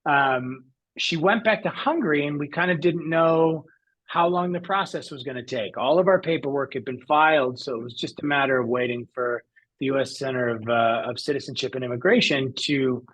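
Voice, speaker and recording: Man, interview guest, earnest and reflective, mid-pitched voice. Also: moderate pace, fairly bright tone, low-quality recording. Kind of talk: conversational interview.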